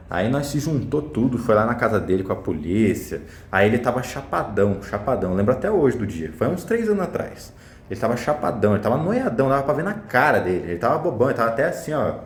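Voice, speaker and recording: Young man, blunt slangy storyteller, quick delivery, roomy echo. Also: on the low side, slight background noise. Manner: blunt, slangy, swears a lot. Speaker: vlogger telling a personal story. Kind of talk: casual storytelling to camera.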